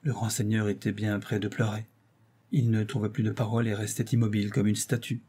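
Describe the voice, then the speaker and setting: A man narrating a classic novel as an audiobook in a measured, even storytelling manner. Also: on the low side, breathy edge.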